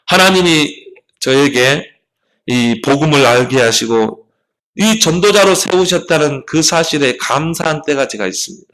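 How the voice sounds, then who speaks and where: A man's voice: fairly high pitch, lively intonation, moderate pace, fairly bright tone. A man preaching a sermon as a pastor, telling his story with passion, his voice rising and falling sharply.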